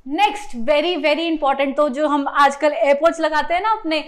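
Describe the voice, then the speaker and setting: A woman with an Indian English accent teaching a grammar lesson, mixing Hindi and English and often checking with "ठीक है". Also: high-pitched. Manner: spells out sounds slowly for emphasis. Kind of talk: classroom-style grammar lesson.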